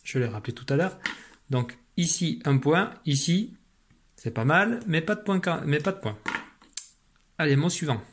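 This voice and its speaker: A man's voice: fairly high pitch, lively intonation, normal speed, pauses often, husky. A man teaching a spelling dictation lesson, speaking patiently, repeating each syllable and sometimes whispering it. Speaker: primary school teacher.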